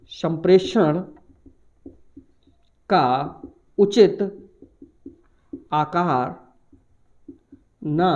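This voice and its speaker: A man with a Hindi-speaking Indian accent giving a recorded commerce lecture, explaining point by point and stretching key words slowly. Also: high voice, dull audio. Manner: explains point by point, slow emphatic words, asks and answers himself. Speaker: commerce teacher.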